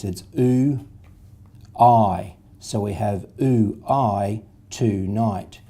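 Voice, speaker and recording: A man's voice: fairly low pitch, warm tone. A man, patiently explaining a reading method step by step, spelling out letters and sounds. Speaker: literacy tutor.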